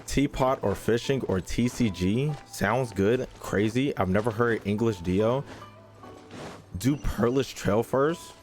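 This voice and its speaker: A man's voice: mid-range voice, a little slow, darkish tone, soft background music. Man chatting casually on a game stream. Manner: repeats phrases, exclamatory, slangy banter with viewers. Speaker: live streamer. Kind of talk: casual gaming stream chat.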